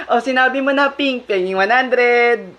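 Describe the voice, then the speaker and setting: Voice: high voice, animated, takes it slowly, background noise. A person in a comedy skit talking in a cheeky, pushy way.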